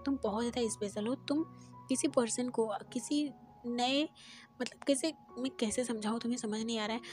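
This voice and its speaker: A woman's voice: on the high side, moderate pace, darkish tone, soft background music, close to an everyday voice. A woman doing a nervous, stammering young doctor. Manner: hesitant, stammering, pleading. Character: nervous young male doctor, anxious and pleading.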